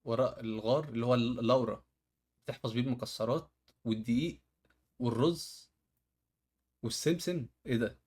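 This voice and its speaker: A man's voice: medium pitch, a little fast, pauses often, darkish tone, husky. A man from Egypt with an Egyptian accent, reacting to home-hack videos in casual commentary and often exclaiming at the tricks. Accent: Egyptian Arabic.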